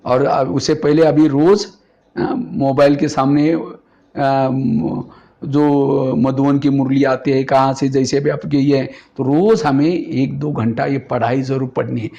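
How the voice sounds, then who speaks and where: A man's voice: medium pitch, flat delivery, takes it slowly, gravelly, warm tone. A man giving a spiritual talk, telling stories and asking rhetorical questions. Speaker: spiritual speaker. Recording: dull lo-fi recording.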